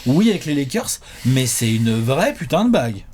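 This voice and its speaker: A man co-hosting a casual talk show, arguing his rankings with animated emphasis. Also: mid-range voice, normal speed, slight background noise. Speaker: co-host ranking players. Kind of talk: casual debate.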